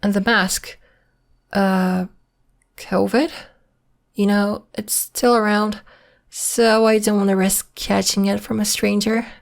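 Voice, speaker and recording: With a level, creaky voice of medium pitch, a woman acts as a secretive young werewolf who is also polite and protective in an ASMR roleplay. Her measured, hesitant, matter-of-fact speech feels guarded and evasive.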